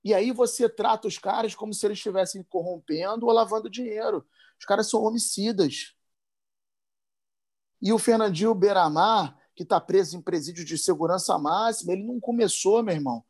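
High-voiced, brisk, and a little mellow, a Carioca-accented man from Brazil gives a fiery talk peppered with slangy asides. He speaks emphatically, getting higher and faster when he's worked up.

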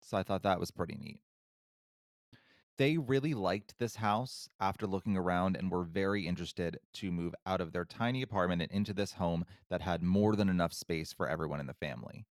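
Wry low-voiced man telling a creepy story. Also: fairly quick, no echo, studio quality. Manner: wry, sarcastic asides, swears. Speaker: podcast co-host telling a true ghost story. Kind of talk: casual storytelling chat.

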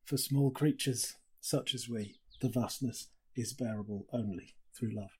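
An interviewer reading aloud in an awed, hushed, tender way, slightly husky and close to tears, like a solemn documentary narration. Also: medium pitch, a little slow, a little hiss or hum. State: tearful, emotional.

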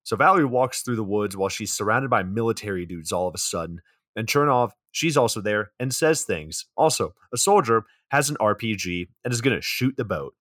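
A man's voice: on the low side, lively intonation, a little fast, fairly bright tone, no room sound. Laid-back man recapping a movie. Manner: laid-back recapping with profanity and dry asides. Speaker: podcast co-host. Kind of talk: casual movie recap chat.

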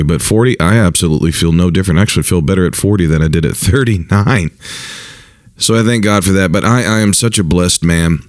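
A man in his forties, a pastor hosting his own podcast, talking in a casual monologue with an earnest, animated manner and frequent restarts. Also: low voice, no echo, studio quality. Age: 40s.

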